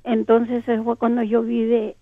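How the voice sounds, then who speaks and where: A woman's voice: a little high, monotone, a little slow, dry recording. An older woman from Texas, calling in to a radio show and telling a long rambling story. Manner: rambling storyteller, many fillers. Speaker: radio caller. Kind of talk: phone-in recollection. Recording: tinny phone line.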